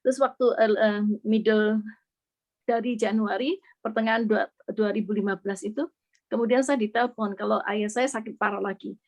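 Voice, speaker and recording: A woman's voice: mid-range voice, steady tone, moderate pace. A middle-aged woman from Indonesia earnestly sharing a personal faith testimony, slipping English words into her speech.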